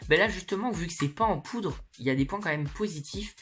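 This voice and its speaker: A woman's voice: fairly low pitch, animated, fast talker, a little hiss or hum. A woman chatting informally and candidly to viewers in a slangy, casual makeup haul vlog, recorded in her bedroom. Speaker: beauty vlogger.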